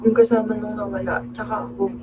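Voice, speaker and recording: A woman's voice: mid-range voice, flat delivery, quick pace. A woman hosting a casual livestream, telling a story with animation and greeting viewers as she goes. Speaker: livestream host. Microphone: phone. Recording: tinny phone-like audio with hum.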